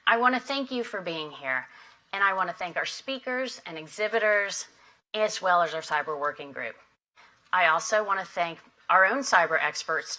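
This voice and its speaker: A woman opening an industry summit with a prepared, formal keynote speech, measured and emphatic. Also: lowish voice, sharp tone, poor audio. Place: conference hall.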